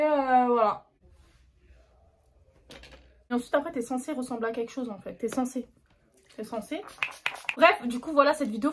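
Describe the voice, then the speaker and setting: A young woman, chatting casually and dramatically while doing her makeup at home, sarcastic and quick to laugh. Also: a little high. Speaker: beauty vlogger.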